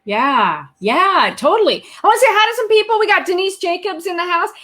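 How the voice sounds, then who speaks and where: Lively, high-voiced woman host. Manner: animated, enthusiastic, quick asides. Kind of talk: casual live-stream conversation.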